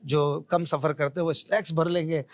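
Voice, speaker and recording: A man's voice: fairly high pitch, little pitch movement, no room sound. A man hosting an interview, asking practical questions and backing the guest with short affirmations. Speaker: host.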